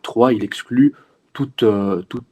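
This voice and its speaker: Earnest young Belgian man, dark voice. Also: mid-range voice, takes it slowly, slightly rough. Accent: Belgian French. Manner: earnest, explanatory, many fillers and restarts. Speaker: guest, youth party section president. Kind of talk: interview answers.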